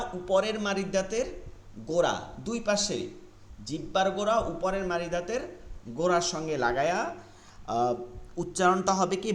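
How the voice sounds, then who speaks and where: A man, teaching Quran letter pronunciation in an online class and patiently repeating each sound for learners to copy. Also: sits high. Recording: echoey room.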